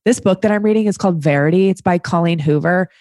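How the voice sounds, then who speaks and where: Chatty excited woman, dry close sound. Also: lowish voice, fast talker, no echo. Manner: excited, chatty, full of likes. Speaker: podcast co-host. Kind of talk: casual chat.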